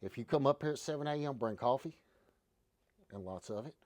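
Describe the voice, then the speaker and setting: A man with a drawl talks easily and folksily, like he's winding down a late show. His voice is middle-pitched and sits in a dry, close sound with no room around it. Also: lively intonation, brisk, darkish tone, no room sound. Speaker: show host. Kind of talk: casual livestream chat.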